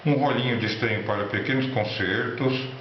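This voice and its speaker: A man with a Brazilian accent giving an informal electronics tutorial and product rundown in a halting, instructional way. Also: mid-range voice. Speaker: electronics hobby presenter. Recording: roomy, echoey, dull lo-fi with faint noise.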